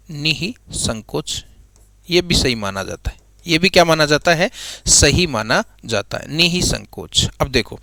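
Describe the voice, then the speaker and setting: Male grammar tutor with a lilt. Bright, sharp tone. Drills students with repeated questions and slow repetition. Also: high-pitched, no room sound. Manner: repeats key words slowly, quizzes students with questions. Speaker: Hindi grammar teacher. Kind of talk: classroom lecture.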